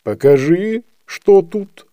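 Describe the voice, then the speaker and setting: A man doing a gruff, rude inspector. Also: high voice, expressive, slow pace, warm tone, no echo, pitched above the performer's own voice. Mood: curt. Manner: rude, barking. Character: gruff, irritable male school inspector.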